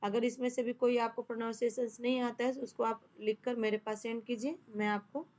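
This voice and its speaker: A young woman teacher giving a phonics lesson to students. She reads English lines slowly word by word, asks questions and answers them herself. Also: on the high side, flat delivery, a little mellow. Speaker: school teacher. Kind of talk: online English phonics lesson explained in Hindi.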